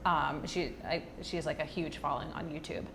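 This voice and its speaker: A woman co-hosting a casual podcast, her voice sitting a little low. She is upbeat, tossing in short affirmations as she talks. Faint ambience hums under the track. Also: steady tone, brisk, creaky, fairly bright tone, a little hiss or hum. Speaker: podcast co-host. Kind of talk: casual chat.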